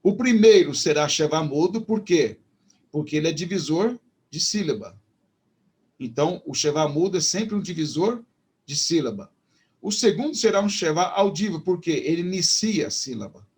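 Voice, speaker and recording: Husky-voiced Brazilian man teaching a lesson. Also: a little high, expressive, a little mellow. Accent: Brazilian Portuguese. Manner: explanatory, with many fillers and restarts; slows down to pronounce Hebrew words. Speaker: Hebrew teacher. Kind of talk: online lecture.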